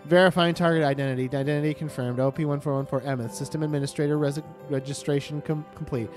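An onboard ship AI coming back online, as a player reads it aloud, reporting status checks in a clipped, even robot cadence. The lines are flat and mechanical, one short system report after another, with faint music behind. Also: mid-range voice, quick pace, voice pushed down, natural voice. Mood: robot booting up. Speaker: game player reading on-screen dialogue. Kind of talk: let's play commentary, reading game text aloud.

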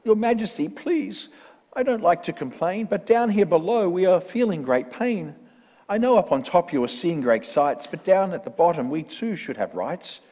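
A man voicing a lowly, long-suffering little turtle in a children's storybook, politely groaning and pleading in a reverberant hall. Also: animated, moderate pace, mellow, muffled recording. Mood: pained, pleading. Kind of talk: read-aloud children's storybook in verse.

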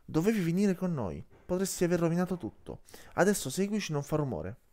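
A man's voice: on the high side, very animated, brisk, darkish tone, pitched above the performer's own voice. A scornful great wolf, played by a man, scolds and threatens in a harsh, raised voice. The storybook bully sounds contemptuous. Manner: sneering, threatening.

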